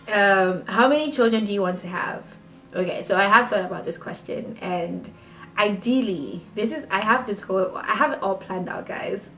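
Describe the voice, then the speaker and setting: A woman's voice: medium pitch, moderate pace, fairly bright tone, faint music behind. A young woman raised in Ghana, chatting casually to her camera as a vlogger while answering tag questions, talking straight to her viewers with laughing asides. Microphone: camera on a table.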